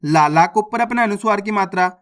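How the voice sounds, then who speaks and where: A reading teacher who sounds out words syllable by syllable, then says each whole, and checks with viewers that it is clear. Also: mid-range voice, a little fast, a bit bright. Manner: addresses viewers as friends, asks if it is clear. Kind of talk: slow word-by-word reading lesson.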